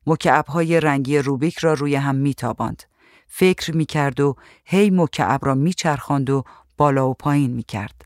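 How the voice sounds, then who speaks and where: Calm male storyteller, dry close sound. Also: medium pitch, no echo. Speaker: narrator. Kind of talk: storybook reading.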